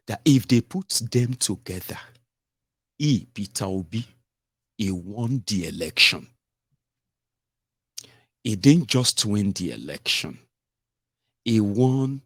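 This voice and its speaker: A man giving political commentary on a live stream, explaining slowly and adding tag questions. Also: fairly low pitch, no echo, clean studio sound.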